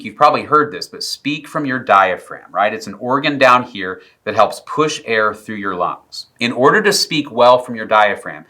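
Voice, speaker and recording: A man teaching preaching technique in a video lesson, explaining clearly and demonstrating vocal examples. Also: mid-range voice, sharp tone. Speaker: preaching instructor.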